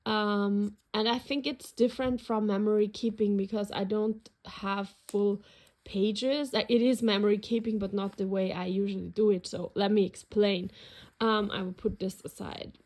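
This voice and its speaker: This journaling vlogger speaks German as her first language and has a mid-range, darkish voice with fairly even intonation at a moderate pace. She pages through a journal, narrating casually in a rambling, hesitant way full of fillers.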